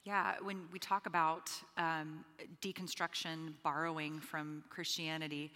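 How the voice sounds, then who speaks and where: A woman from the Bahamas, appearing as a guest on a live podcast, speaks earnestly and emphatically, repeating words. Her low voice is sharp in tone, unhurried, and moves little in pitch. She's on a conference stage, and the recording carries live hall reverb.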